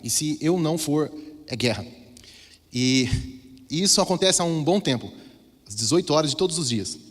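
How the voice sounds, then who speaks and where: A man's voice: fairly high pitch, animated, normal speed. A Brazilian man with a Brazilian Portuguese accent, preaching a sermon in a conversational, storytelling way. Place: large church hall. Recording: reverberant church hall.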